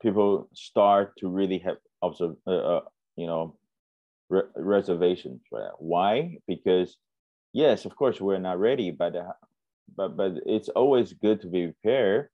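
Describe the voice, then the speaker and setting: A man hosting a conversational interview, halting and restarting as he searches for words. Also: low voice, lively intonation, dry recording. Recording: dry, dull lo-fi sound.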